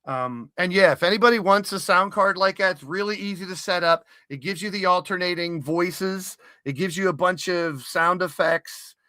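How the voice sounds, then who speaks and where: A man's voice: sits high, moderate pace, hardly any pauses, pushed and bright, no echo, studio quality. A man hosting a live stream, talking casually and explaining things step by step with many fillers. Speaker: stream host.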